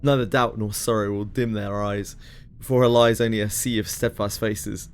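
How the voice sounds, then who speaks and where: A man's voice: fairly low pitch, fairly even intonation, moderate pace. A man streaming a game, reading its story aloud with dry, joking asides. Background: game music.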